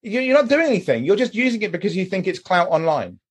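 Emphatic husky British man. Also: high voice, quick pace. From Britain. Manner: animated, emphatic ranting with swearing. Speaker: podcast host, mental health charity chair. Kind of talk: casual discussion.

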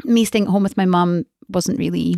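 A woman's voice: lowish voice, fairly even intonation, fairly quick, creaky, dark tone, no room sound, studio quality. A woman with a Glaswegian Scottish accent, telling her personal story in a hesitant, reflective way in conversation. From Glasgow, Scotland. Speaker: interview guest.

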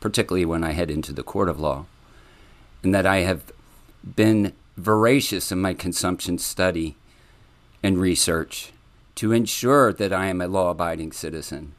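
Male podcast host, lowish voice, earnest and legalistic, measured with frequent restarts. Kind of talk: solo podcast monologue.

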